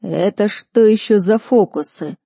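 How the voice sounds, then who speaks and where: A woman's voice: medium pitch, measured pace, creaky, dark tone, breathy edge, no room sound, studio quality. A woman reading an audiobook, voicing a stern, furious male academy rector who barks and scolds. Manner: barking, scolding.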